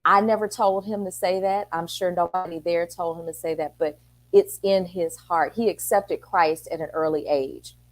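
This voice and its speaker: A woman's voice: on the low side, fairly even intonation, normal speed. A middle-aged woman, a city council member and parent, talking earnestly on a talk show and acting out the exchanges she quotes. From Texas.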